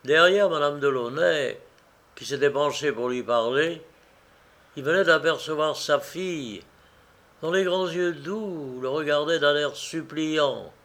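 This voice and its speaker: Male audiobook reader, slow and measured, slightly high voice, classic fiction. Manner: slow, measured, expressive reading. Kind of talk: scripted narration of a classic novel.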